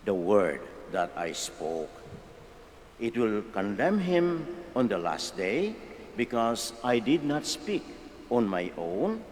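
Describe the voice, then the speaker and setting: A man serving as priest, reading the gospel and preaching slowly and deliberately, with his voice ringing in a long church reverb. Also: lowish voice, a little hiss or hum. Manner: slow, deliberate proclamation. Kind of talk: liturgical reading and homily.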